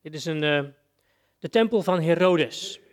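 A man's voice: a little high, unhurried. A man preacher giving a sermon, telling a story vividly and addressing his listeners directly.

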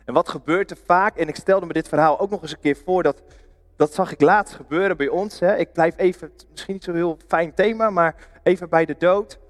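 A man from the Netherlands preaching a sermon, his voice a little higher than most men's. He speaks earnestly, often asking a question and answering it himself, and his words ring on in a church hall with a long reverb. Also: moderate pace.

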